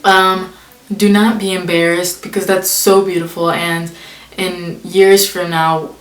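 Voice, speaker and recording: A young woman vlogger, her voice fairly low and flat, keeps a measured pace while casually answering tag questions. Each question gets read aloud before she chats through it, saying "like" again and again. The recording has an echoey room sound.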